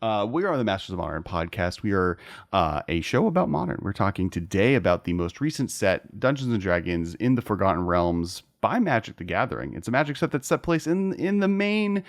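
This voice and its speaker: A young man with a fairly low voice hosts a podcast. He chats casually and jokes around, rambling along with plenty of fillers. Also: very animated, brisk. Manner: joking, rambling with many fillers. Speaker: podcast host.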